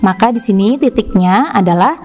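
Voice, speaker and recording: A woman's voice: mid-range voice, expressive, normal speed, darkish tone, faint music behind. A woman math teacher from Indonesia with a Jakarta accent, explaining graphs step by step in a recorded lesson, with frequent tag questions to her students.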